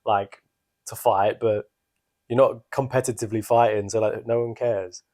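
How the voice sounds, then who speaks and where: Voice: mid-range voice, fairly even intonation, normal speed, darkish tone. A podcast co-host chatting casually and comedically, with a jokey, sarcastic, slangy way of talking.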